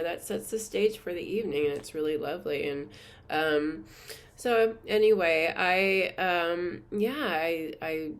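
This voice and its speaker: A woman hosting her own channel, chatting earnestly and reflectively to camera, with many fillers and soft laughs. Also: low voice, vocal fry. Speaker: spiritual teacher and channel host. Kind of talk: casual reflective monologue to camera.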